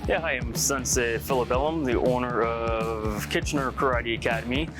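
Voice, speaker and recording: A man who runs and teaches at a karate school, speaking informally and often pausing on fillers. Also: medium pitch, over music. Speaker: karate instructor.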